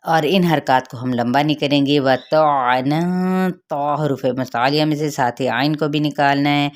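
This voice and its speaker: A woman with a Pakistani Urdu accent teaches Quran recitation rules, drawing out each word slowly before explaining it quickly. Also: a bass voice. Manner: slow, drawn-out sounding of each word, then quick explanations.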